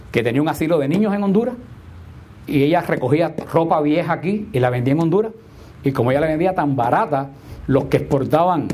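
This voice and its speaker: A male preacher gives a homily to his congregation in a slightly higher-than-usual voice. He leans on repeated rhetorical questions, slowing to stress key words and then rushing through asides. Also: a little mellow. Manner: emphatic, repeats rhetorical questions, shifts between slow stress and quick asides.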